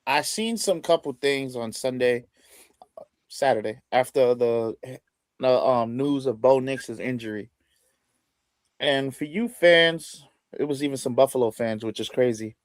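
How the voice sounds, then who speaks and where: A man co-hosting a sports podcast in casual chat, indignant and rapid with his questions. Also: mid-range voice, no echo. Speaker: podcast co-host.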